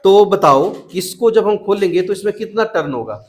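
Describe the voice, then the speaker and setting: A man's voice: high-pitched, animated, normal speed. A young man teaching a math class to children, coaxing them with repeated questions in a classroom. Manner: questioning, coaxing students to answer. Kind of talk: classroom teaching, mixing Hindi and English.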